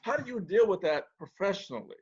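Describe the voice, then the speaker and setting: Man moderator, measured questions, fairly high voice, dull muffled audio. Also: sing-song, a little mellow, husky. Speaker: panel moderator. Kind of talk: moderating a panel discussion.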